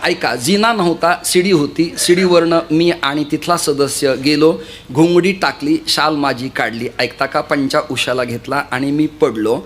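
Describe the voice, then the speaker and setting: A man delivers a kirtan sermon in a slightly high, slightly slow voice. He tells lively stories and keeps urging his audience to listen.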